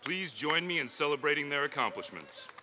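A man reading out graduates' names one by one at an outdoor commencement ceremony, steady and formal into a podium mic. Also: on the high side, brisk, a crowd in the background, background noise. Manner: steady, clear formal announcing. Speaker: commencement name reader.

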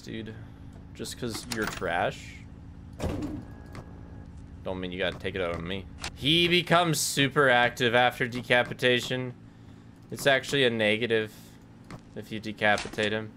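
A man's voice: fairly low pitch, a little slow, long pauses, background noise. A man streaming a video game, commenting casually, joking with chat and laughing often.

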